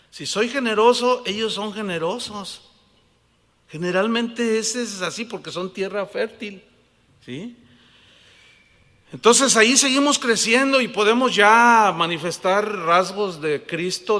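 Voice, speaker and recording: A man with a Mexican Spanish accent preaching a sermon, animated, asking the congregation questions and acting out little dialogues. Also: high-pitched, big-room sound.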